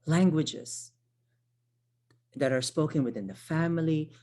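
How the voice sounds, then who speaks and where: A Tagalog-speaking woman from the Philippines, a social worker, presents an online training workshop in a deep, unhurried voice with a dark tone. She talks conversationally, often asking "right?" and restarting or correcting her phrases. There's slight background noise.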